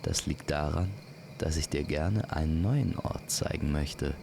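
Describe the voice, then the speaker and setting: Speaking slowly, gently and poetically to the listener, a man narrates a scripted fantasy tale like an immersive campfire storyteller. His voice is extremely low, with vocal fry, and a constant backdrop of crickets and night-time forest ambience fills the recording.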